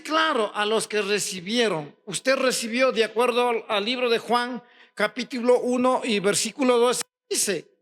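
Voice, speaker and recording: Preaching to his congregation, an Ecuadorian pastor with a very high-pitched male voice fires off rhetorical questions and shouts when he reaches the key points.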